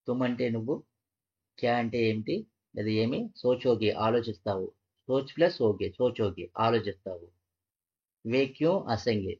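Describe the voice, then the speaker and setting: A man teaches a language lesson, patiently repeating each phrase and breaking it into parts. His voice is on the low side, darkish with a breathy edge, and the lo-fi audio sounds dull and muffled.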